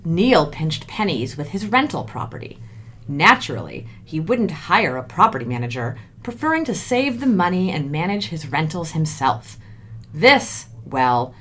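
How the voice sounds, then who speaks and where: A woman narrating a story with expressive delivery. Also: deep voice. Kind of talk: scripted narration.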